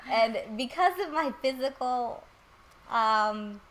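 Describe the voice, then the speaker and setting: A woman's voice: on the high side, expressive, slow, fairly bright tone, a little hiss or hum, low-quality recording. A woman in her late twenties chatting casually on a podcast, laughing and joking about herself. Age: late 20s. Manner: laughing, self-deprecating. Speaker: podcast co-host. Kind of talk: casual chat.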